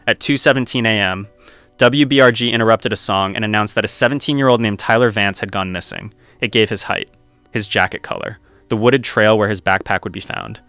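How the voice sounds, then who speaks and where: A man narrating a scripted horror story in a slow, grave, measured way. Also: on the low side, creaky, a bit bright, no room sound.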